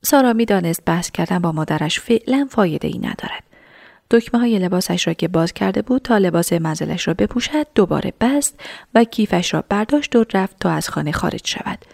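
A woman narrating a story in a soft, half-whispered reading voice. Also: fairly low pitch, expressive, gravelly, no room sound, studio quality.

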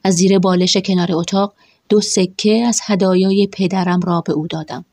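A woman reads a first-person story aloud, measured and emotional throughout. Her voice is husky, and the recording is dry and close, with no room sound. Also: on the low side, fairly even intonation, mellow, dry recording. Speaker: narrator. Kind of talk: first-person audiobook narration.

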